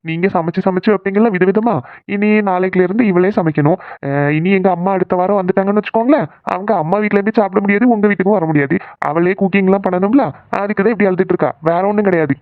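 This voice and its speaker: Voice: mid-range voice, dry recording, natural voice. Actor voicing a teasing young cartoon husband. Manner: quick, teasing explanations. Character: joking young husband and son-in-law, teasing. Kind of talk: Tamil cartoon dubbing. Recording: tinny phone-like sound.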